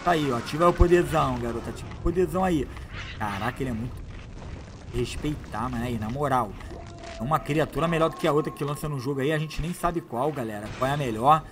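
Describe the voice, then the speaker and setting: A young man giving excited, heavy gameplay commentary. He repeats phrases and calls out to his viewers. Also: mid-range voice, fast talker, background noise. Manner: hyped, slangy, repeats phrases, shouts at the screen. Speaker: gameplay youtuber.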